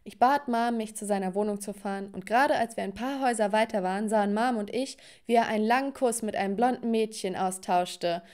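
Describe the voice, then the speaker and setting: A young woman narrating a dramatic first-person story for an animated video. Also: mid-range voice, fairly quick, few pauses.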